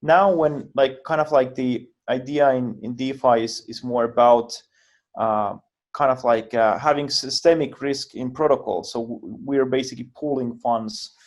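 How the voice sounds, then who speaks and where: A man from Finland, a guest founder giving explanatory interview answers over a video call, halting and often repeating and restarting words. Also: medium pitch.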